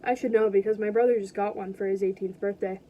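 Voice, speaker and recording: A woman reading aloud as an eager, friendly popular teenage boy in a storybook, asking quick excited questions. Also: medium pitch, dull audio, close to an everyday voice.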